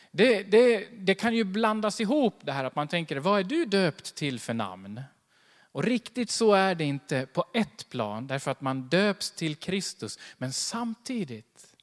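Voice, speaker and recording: A man preaching a sermon as pastor, animated, quoting scripture and acting out small everyday scenes. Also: high-pitched. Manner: animated, acts out little scenes and quotes scripture. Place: church hall. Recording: long church hall reverb.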